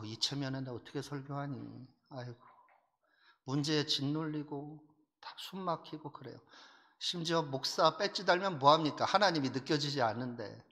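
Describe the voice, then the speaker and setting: A middle-aged man preaching a sermon, his voice sitting a little high for a man. He talks bluntly and roughly, swinging between loud urging and quiet confiding asides. His voice carries a long reverb from the church hall. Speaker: pastor. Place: church sanctuary.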